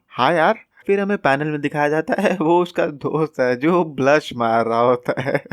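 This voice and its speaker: Young male recap narrator, slangy and joking, slightly high voice, dry close mic. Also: dry recording. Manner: slangy, joking asides, acts out lines. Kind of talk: casual recap storytelling.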